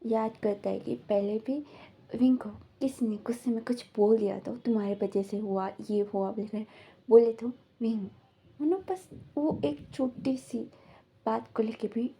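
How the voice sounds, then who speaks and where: A woman's voice: a little high, measured pace, mellow. A woman casually retelling a fan-fiction story in a chatty, loose way, full of fillers.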